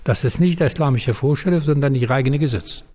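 A man in his seventies from Afghanistan with an Afghan accent, a former diplomat speaking earnestly in halting German with many fillers. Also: medium pitch, warm tone. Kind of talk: interview testimony. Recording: long hall reverb.

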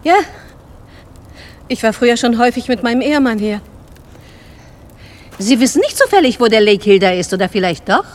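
A woman's voice: fairly high pitch, lively intonation, fairly quick, pauses often, lightly acted. A woman dubbing a widowed older woman in a thriller, flustered and apologetic, later frantic. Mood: polite. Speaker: dubbed film character. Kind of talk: dubbed film acting. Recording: film soundtrack with background noise.

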